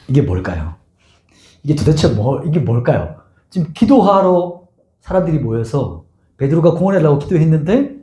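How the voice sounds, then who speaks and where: A male pastor preaches in a sanctuary that rings with echo, his mellow voice sitting a little high and swinging widely in pitch. He keeps throwing questions out to the congregation and leads them in reading aloud together. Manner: asks the congregation many rhetorical questions; acts out the scene with voices. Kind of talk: expository sermon. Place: church sanctuary. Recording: echoey church sanctuary.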